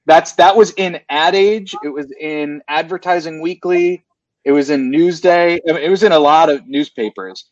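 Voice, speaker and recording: A man co-hosting a casual radio talk show, his voice sitting a little high. He rambles and keeps restarting his sentences. The sound is dry and muffled, with a dull, lo-fi quality. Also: normal speed, no room sound. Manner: rambling, self-correcting storyteller. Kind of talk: casual chat.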